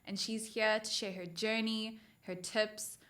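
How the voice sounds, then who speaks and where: A woman with a mid-range voice hosts an interview podcast. She opens with an energetic welcome, then asks questions in a gentle, encouraging way and murmurs along as her guest talks. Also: medium pitch, a little slow. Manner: upbeat intro, then soft affirming murmurs. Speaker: podcast host.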